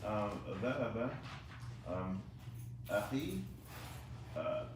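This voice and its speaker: A male student reading aloud haltingly in an Arabic class, stopping often. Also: fairly low pitch, expressive. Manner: hesitant, halting reading with fillers. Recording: echoey, far from the mic, noisy.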